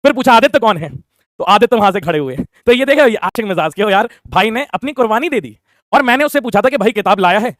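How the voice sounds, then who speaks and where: A young man with a voice high for a man rapidly tells a casual story from school, animatedly acting out the teacher and classmates in quick voices. The sound is dry and close, with no echo.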